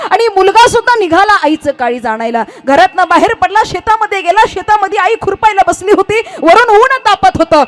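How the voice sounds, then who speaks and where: High-voiced impassioned woman preacher. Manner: impassioned, swinging between soft and loud. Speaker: kirtan preacher. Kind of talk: devotional sermon storytelling.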